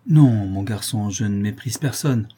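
A nervous older fence mutters in a lowered, subdued voice, as a male narrator puts him on. The dark, husky tone stays grudging and resentful. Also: measured pace. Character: fretful older male fence, reluctant and grumbling. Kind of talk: audiobook character voice.

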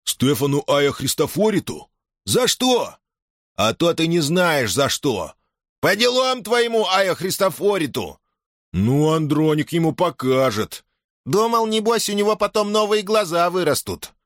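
Guy doing crowd of riled-up townsmen, high and jumpy, yelling over each other, dry close sound. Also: unhurried, no echo. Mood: excited. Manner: excited, jostling, quarrelsome exclamations. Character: agitated townsmen in a shouting crowd. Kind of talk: audiobook crowd scene.

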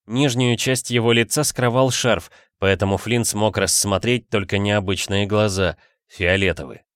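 A man narrating a story in a steady, measured audiobook reading. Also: fairly low pitch, no echo, clean studio sound.

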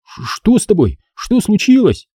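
A man's voice: high-pitched, big pitch swings, measured pace, warm tone, husky, no echo, studio quality, voice pushed up, exaggerated voice. A man voicing a jumpy young boy who gets flustered and indignant in a storybook reading. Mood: alarmed.

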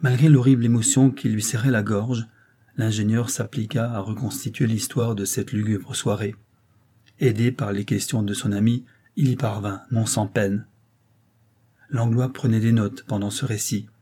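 A man narrating a novel as an audiobook in a steady, even way. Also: lowish voice, moderate pace.

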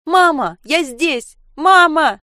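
A woman voicing a frightened, eager little girl who calls out in a shrill way. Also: expressive, takes it slowly, sharp tone, dry recording, clean studio sound, full character voice. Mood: desperate. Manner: shrill, calling out.

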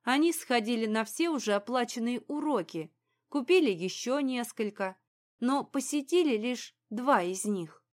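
A woman's voice: on the high side, animated, moderate pace. Woman narrating an audiobook.

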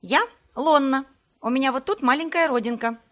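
A woman's voice: high-pitched, moderate pace, fairly bright tone, voice pushed up. A woman voicing an eager, chattering young girl who fires off questions in a breathless rush.

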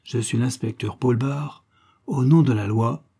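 A man playing a calm, determined police inspector in a read-aloud detective story. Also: mid-range voice, a little slow, husky. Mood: accusing. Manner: firm, reassuring.

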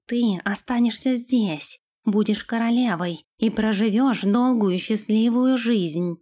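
A woman's voice: fairly high pitch, slow, warm tone. A woman reading an audiobook, voicing a hot-tempered young man who can turn half cat, speaking brusquely.

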